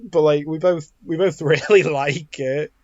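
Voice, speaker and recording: A man's voice: a little high, a little slow, no room sound, muffled recording. A man co-hosting a podcast in casual chat, rambling and restarting his sentences often. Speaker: podcast co-host.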